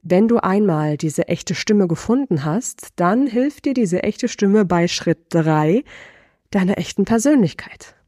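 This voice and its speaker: A middle-aged woman voice coach giving a lesson, asking the listener slow, deliberate reflective questions. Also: medium pitch, animated, dark tone, no echo, studio quality.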